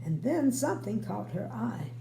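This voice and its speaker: A grandmother reads bedtime stories in a fairly high, gravelly yet mellow voice whose pitch swings widely, at a moderate pace. She drops in folksy, conversational asides, and the recording sounds like a roomy home with a faint hum.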